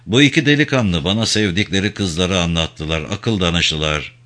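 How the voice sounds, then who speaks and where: A man playing a grave, defiant suspect. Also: a bit bright. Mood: solemn, defiant. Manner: low, slow, solemn. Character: male suspect under interrogation, grave and defiant.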